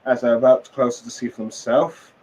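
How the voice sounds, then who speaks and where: A man's voice: mid-range voice, flat delivery, a little fast, darkish tone, rough recording. A tired man casually recapping a comic chapter, rambling with many fillers and restarts. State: tired, yawning. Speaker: manga reviewer.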